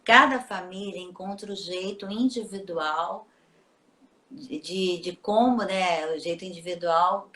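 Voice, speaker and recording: A woman's voice: fairly low pitch, unhurried, fairly bright tone. A woman teacher, patiently explaining in a casual live interview and often ending with tag questions. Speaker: teacher and children's book author.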